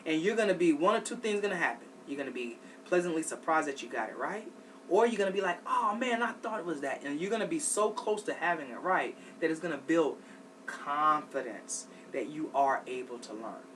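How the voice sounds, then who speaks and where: A man's voice: fairly high pitch, expressive, brisk, a bit bright. A man who teaches adult learners gives a study-skills lesson, stressing points and checking in with "okay?" after each step. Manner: emphatic, repeats "okay?" to check in. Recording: distant mic with faint background noise.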